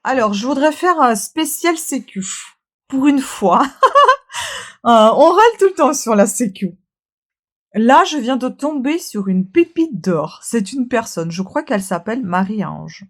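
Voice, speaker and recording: A woman with a somewhat high voice talks to her camera in a loose, casual vlog chat. She sounds tired, and she rambles along with plenty of fillers and restarts, circling back on her points as she goes. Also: expressive, unhurried. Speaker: vlogger.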